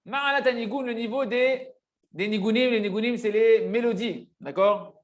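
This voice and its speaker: High-voiced man teaching a religious lesson. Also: moderate pace. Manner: didactic, emphatic, repeats phrases and checks understanding.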